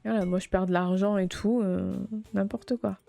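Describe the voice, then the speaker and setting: A woman's voice: mid-range voice, steady tone, moderate pace, creaky, soft background music. A woman streaming a video game, chatting playfully with the game's customers and breaking into flustered outbursts when things go wrong. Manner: flustered outbursts and shouting at chaos. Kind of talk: let's play commentary.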